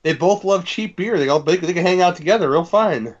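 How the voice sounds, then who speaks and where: A man's voice: high voice, animated, fairly quick, highs cut off. A man making crude wisecracks in a casual chat among friends while watching a movie.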